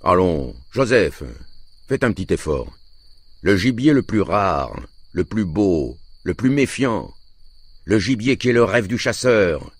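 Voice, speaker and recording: A man's voice: on the low side, sing-song, a little slow, dry recording, voice pushed up, exaggerated voice. A man voicing a theatrical, self-satisfied middle-aged uncle who loves hunting. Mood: grand.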